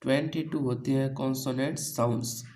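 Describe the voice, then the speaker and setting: A man's voice: medium pitch, fairly even intonation, normal speed, darkish tone, rough recording. A man teaching pronunciation in a coaching-class lesson, asking questions and answering them himself. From India. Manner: repeats key points as questions to students. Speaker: English teacher.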